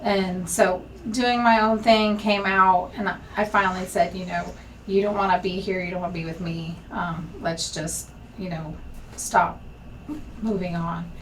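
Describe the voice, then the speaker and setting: A woman in her forties speaks candidly and steadily, pausing on ums. She is a bit far from the mic in a studio set, with a faint hiss behind her. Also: fairly low pitch, fairly even intonation. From Texas. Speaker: senior enlisted leader. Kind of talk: personal story in a sit-down conversation. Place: bright indoor studio set.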